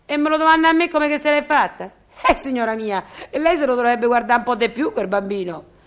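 An actress in a radio comedy playing a chatty, sarcastic middle-aged Roman doorkeeper with a Roman accent. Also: female voice, on the high side, brisk, lightly acted. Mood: gossipy. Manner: chatty, sarcastic, mock-polite on the phone. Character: gossipy sharp-tongued Roman woman doorkeeper.

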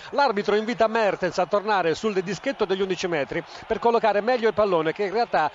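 A man's voice: high-pitched, fairly quick. A man calling football live on the radio, describing play precisely and announcing scores with emphasis. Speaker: football match commentator. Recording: muffled broadcast with faint noise.

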